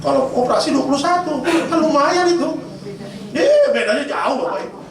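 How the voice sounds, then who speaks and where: A pastor preaches a sermon in a church, his voice extremely high-pitched and lively at a moderate pace. He tells stories with humor and addresses the congregation directly as "Bapak Ibu." The noisy recording, full of crowd noise, captures him from far off in an echoey church hall.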